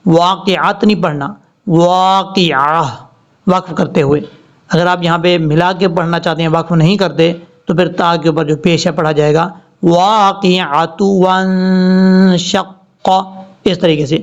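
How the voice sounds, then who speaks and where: Steady in tone and high in pitch, this man guides learners through Quran recitation one word at a time. Slow, drawn-out recitation alternates with plain explanations of the rules, captured on a dull, lo-fi recording.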